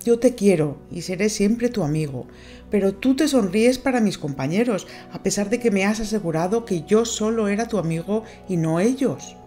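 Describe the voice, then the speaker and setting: A woman voicing a quick-tempered, jealous young sailor boy in a storybook, speaking in a halting, strained way. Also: medium pitch, lively intonation, warm tone, soft background music, voice pushed up, close to an everyday voice. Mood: tender.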